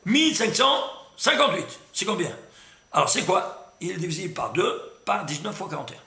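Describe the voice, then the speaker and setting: A man teaching a Torah class to a room of listeners, lively and emphatic, often stopping to ask whether everyone follows. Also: high-pitched, fairly quick, vocal fry, echoey room. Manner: lively and emphatic, full of restarts, asks "C'est clair?" often. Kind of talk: animated Torah lesson.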